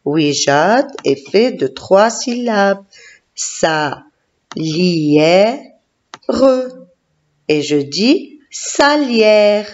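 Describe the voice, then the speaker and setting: A woman teacher leading a classroom phonics lesson, slowly sounding out syllables and praising each child. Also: mid-range voice, darkish tone. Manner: slow, encouraging, sounding out syllables. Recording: dull lo-fi recording.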